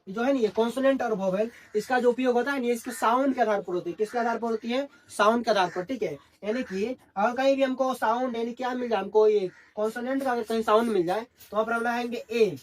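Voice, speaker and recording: A man's voice: very high voice, quick pace, hardly any pauses. Man teaching, quizzing himself. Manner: constantly asks and answers his own questions. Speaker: English grammar teacher. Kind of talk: classroom lesson in Hindi.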